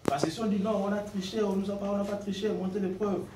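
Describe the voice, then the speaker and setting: High-pitched and level in tone, a man speaks at a quick pace, making an impromptu, earnest and argumentative point as a party member from the floor. The indoor meeting room comes across as noisy and spacious through a distant microphone.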